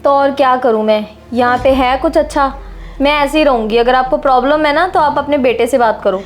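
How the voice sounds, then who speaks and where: An actress playing a spoiled young wife who talks in a sharp, bossy, complaining way. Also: female voice, sits high, a little fast, lightly acted. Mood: scornful. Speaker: daughter-in-law. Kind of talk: short film acting.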